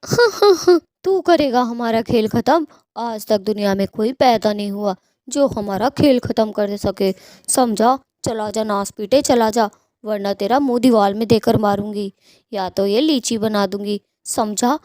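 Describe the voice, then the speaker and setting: A woman's voice: unhurried, darkish tone, no room sound, clean studio sound, lightly acted. A woman voicing a foul-mouthed, boastful female witch in a cartoon story, who scolds and threatens. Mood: menacing. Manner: shrill, scolding threats and curses.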